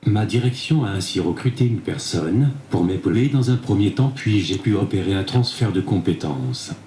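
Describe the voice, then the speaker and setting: Deep computer generated guy voice, text to speech, echoey with a bit of noise. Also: expressive, moderate pace, warm tone. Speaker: interview guest. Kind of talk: prepared answers read by speech synthesis. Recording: echoey room sound with faint noise.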